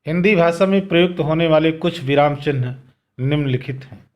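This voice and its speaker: A man teaching a recorded grammar lesson, explaining slowly and deliberately, often repeating phrases. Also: on the high side, darkish tone. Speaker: school teacher. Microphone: video lesson recording.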